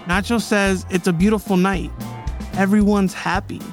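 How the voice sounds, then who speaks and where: Man, podcast host, high-pitched voice, scripted true-story narration, music playing underneath. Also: flat delivery, normal speed. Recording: music bed behind the voice.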